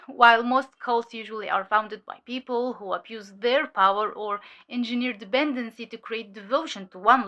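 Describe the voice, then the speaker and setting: An actress voices a female infiltrator in an audio drama, her voice highish with crisp edges. She gives her testimony in a measured, hesitant way, sounding weary yet sharp.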